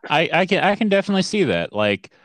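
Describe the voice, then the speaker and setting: Dude cohosting a chill podcast, voice bounces all over, jokey, says like a lot. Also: male voice, sits high, big pitch swings, dry recording. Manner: joking, quick to laugh, hedging with "like". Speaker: podcast co-host. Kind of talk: casual chat.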